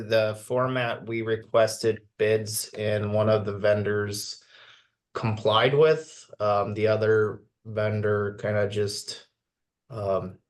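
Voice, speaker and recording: A man at a town committee meeting explaining technical details in a plain, matter-of-fact way. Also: fairly low pitch.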